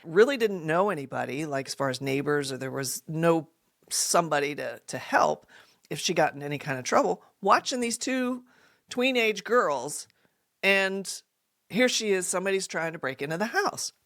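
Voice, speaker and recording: A woman podcast host telling a funny personal story in an animated way, laughing often and acting out what people said. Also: low-pitched, normal speed.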